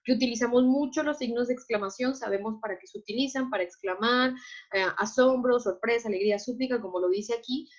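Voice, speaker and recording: Woman, teacher, patient lecture, slightly high voice, muffled recording. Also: fast. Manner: patient, explanatory, checks in with students often. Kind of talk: online class lecture. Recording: muffled lo-fi audio.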